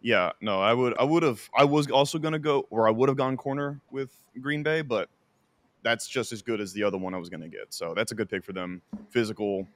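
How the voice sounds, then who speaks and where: A man's voice: medium pitch, fairly quick, fairly bright tone, no echo. A man co-hosting a casual sports podcast, easygoing and prone to repeating himself. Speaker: podcast co-host.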